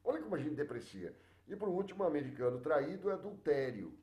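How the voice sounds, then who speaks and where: A middle-aged Brazilian man teaching sociology in a casual, talkative way, his pitch jumping up and down as he speaks. He talks straight to his students, breaks off to restart his sentences, and fills the gaps with drawn-out fillers. The sound carries the echo of a hard room. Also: very animated, dark tone, highs cut off. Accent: Brazilian Portuguese. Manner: chatty, addresses students directly, many fillers and restarts. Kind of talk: live online class.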